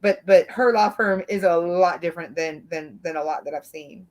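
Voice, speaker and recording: Here the Southern woman's voice sits fairly low, with a darkish tone and normal speed. As a commentator on a casual true-crime panel, she goes on at length, wandering through her points with many filler phrases, especially "you know."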